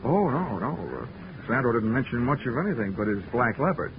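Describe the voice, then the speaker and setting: A man acting a wisecracking, deadpan hard-boiled insurance investigator in a 1940s radio drama. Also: medium pitch, fairly quick, noisy background, natural voice. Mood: flirtatious, wry. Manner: wry, deadpan. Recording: dull old radio recording.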